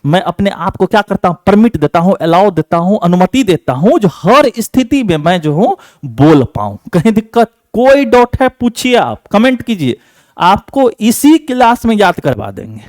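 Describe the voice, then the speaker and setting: A male teacher running an exam-prep class, repeating each answer slowly and checking again and again that students have it memorized. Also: high-pitched, big pitch swings, darkish tone, dry recording, clean studio sound. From Bihar, India.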